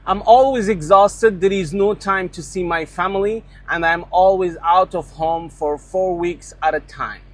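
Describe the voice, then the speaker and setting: A man from Morocco speaks in a very high voice. His testimonial sounds plain and sincere. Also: fairly even intonation, measured pace, hardly any pauses. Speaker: truck driver. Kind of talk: personal testimonial.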